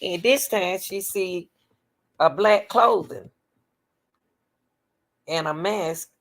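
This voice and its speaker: A woman's voice: fairly low pitch, very slow. A woman hosting casual true-crime commentary, reading case details aloud and breaking off to question them and talk straight to her viewers. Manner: animated, talks straight to the audience, exclaims and questions; breaks off reading to argue with the material.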